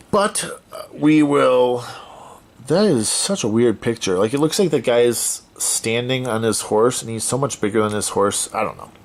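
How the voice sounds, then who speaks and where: A man hosting a let's-play of a solo card game, thinking aloud as he reads out card text and corrects himself as he goes. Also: mid-range voice.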